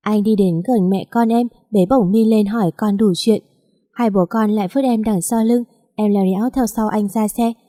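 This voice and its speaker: A woman narrating a first-person audio story in a steady, plain storytelling read. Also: mid-range voice, normal speed.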